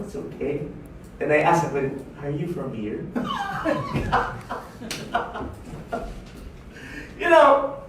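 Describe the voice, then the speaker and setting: A man from the Philippines giving a playful motivational seminar talk, often asking the audience "no?" and laughing. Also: high voice. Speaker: network marketing speaker. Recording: echoey room, voice from far off, faint hiss.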